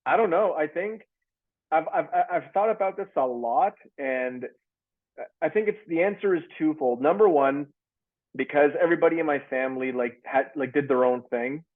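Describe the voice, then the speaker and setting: A young Canadian man, an actor appearing as a guest, answers interview questions over a video call from his home in Toronto. His voice is fairly high and moderately paced, and he comes across loose and easygoing, with lots of fillers and restarts. The call audio is thin, narrow and tinny.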